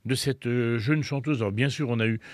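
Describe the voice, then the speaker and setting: Man, local radio jazz presenter, mid pitch, halting and chatty, dry studio sound. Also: no echo. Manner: hesitant, many fillers and restarts. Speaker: radio jazz show host.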